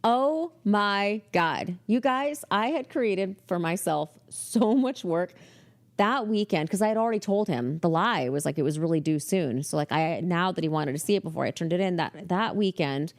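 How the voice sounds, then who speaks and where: A woman hosting a podcast, telling a story in a casual, chatty monologue full of "like" fillers and animated quoting. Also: on the low side, normal speed. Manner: chatty, heavy use of "like" fillers; animated, quotes people in character. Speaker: podcast host.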